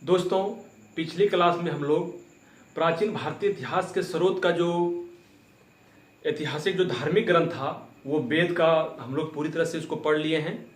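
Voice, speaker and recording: A man's voice: a little high, moderate pace, roomy sound. A man teaching an exam-prep history lesson, repeating points and quizzing the class by asking questions and answering them himself. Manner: repetitive quizzing, asks and answers own questions.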